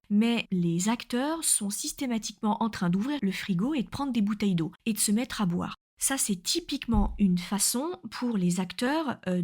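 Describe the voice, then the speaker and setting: A woman's voice: medium pitch, a little mellow. A French woman giving a podcast lesson on writing fiction, talking straight to the listener in an explanatory way with frequent hesitations. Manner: explanatory, addresses listener directly with many hesitations. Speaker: writing coach.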